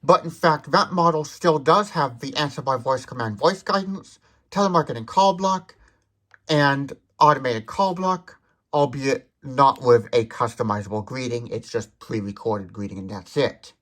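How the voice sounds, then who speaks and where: A man hosting a tech demonstration video explains a product's features in a detailed, step-by-step way while using it hands-on. His voice is medium-pitched and fairly bright, and he talks at normal speed.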